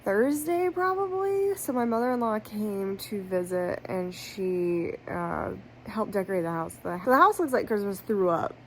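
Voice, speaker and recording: A book vlogger in her thirties chats casually in a mid-range, unhurried voice, sounding tired and congested. She rambles and corrects herself, using fillers like "like," in a lo-fi phone clip with faint background noise.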